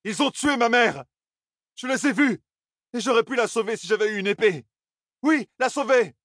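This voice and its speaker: A man voicing a distraught young man who shouts through grief. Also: very high voice, lively intonation, normal speed, no room sound, clean studio sound, voice pushed up. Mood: anguished.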